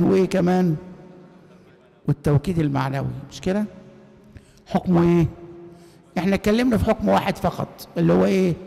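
High gravelly Egyptian teacher, quizzing. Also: male voice, darkish tone. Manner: quizzing, leaves sentences open for students to finish. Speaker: grammar teacher. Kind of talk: classroom lecture. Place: large mosque hall. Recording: reverberant hall.

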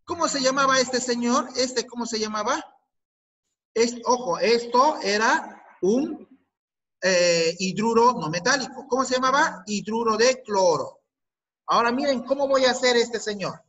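High, bright-voiced male chemistry teacher. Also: animated, measured pace, lo-fi sound. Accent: Peruvian Spanish. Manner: questioning, repeats answers, drills students. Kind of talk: online class lesson.

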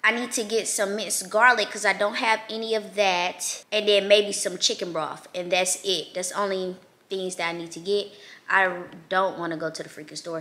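A young woman, chatting casually to viewers from her living room about her day, errands and workouts. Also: mid-range voice. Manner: chatty, animated, addresses viewers as y'all. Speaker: lifestyle vlogger. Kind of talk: casual vlog chat to camera. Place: bright open-plan living room, indoors.

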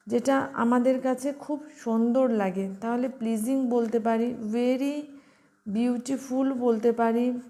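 Woman, Bengali accent, vocabulary teacher, higher pitch, warm tone, quizzes herself, spells words out. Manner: spells words out letter by letter, slow and deliberate; asks questions and answers them herself. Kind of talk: exam-prep vocabulary lesson.

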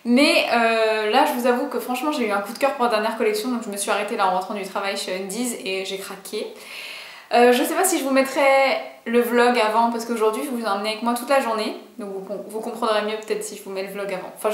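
A woman's voice: on the high side, roomy sound. A young woman vlogger chatting casually through a clothing haul, bubbly and full of fillers and asides.

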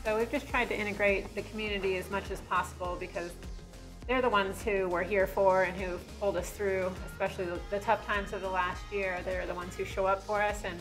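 A friendly, chatty woman in her forties, sitting in a restaurant booth and describing her menu and business. Her voice is mid-pitched and conversational, and soft music plays faintly underneath. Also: little pitch movement, a little fast, low-quality recording. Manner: friendly, chatty, laughs easily. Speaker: restaurant owner. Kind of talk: casual interview. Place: brick-walled restaurant booth, indoors. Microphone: lapel mic.

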